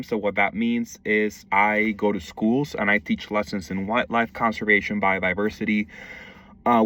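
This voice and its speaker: A young Mexican man who works as a wildlife conservation educator introduces himself in a casual video monologue. His voice is lowish and fairly bright, picked up by a distant mic with no room sound.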